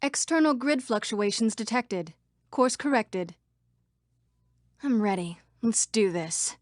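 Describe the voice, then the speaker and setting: A female voice, fairly high and very dry, speaks as an earnest citizen program from a video game's digital world. Her delivery is slow, expressive, crisp, and dramatic line by line, with a calm, official mood and no echo.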